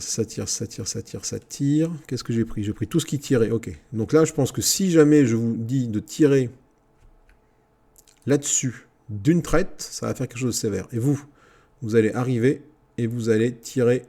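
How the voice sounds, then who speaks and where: Gravelly man commanding his troops. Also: medium pitch. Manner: talks to his troops, excitable outbursts. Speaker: gaming YouTuber. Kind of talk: casual Let's Play commentary.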